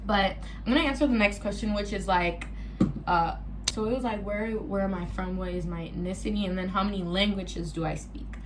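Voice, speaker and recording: A young woman, a native French speaker born in Gabon to Congolese parents, chatting casually through a get-ready-with-me Q&A vlog with animated asides. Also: medium pitch, fairly quick, background noise. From born in Gabon to Congolese parents, raised partly in the US. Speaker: vlogger.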